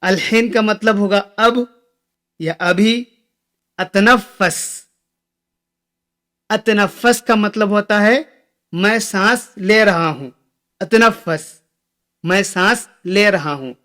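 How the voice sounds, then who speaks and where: A young man with a high voice teaches phrases in a patient lesson. He says each phrase slowly and repeats it several times before he gives its meaning. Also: pushed and bright. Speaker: Arabic teacher. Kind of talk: explaining Arabic phrases.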